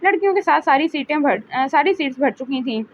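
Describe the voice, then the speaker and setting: A woman reads a novel aloud in a high voice, narrating and speaking the characters' lines in her own voice. She stumbles now and then and restarts a word. The recording is a little dull and carries a faint hiss. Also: expressive, brisk. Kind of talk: reading an audio novel aloud.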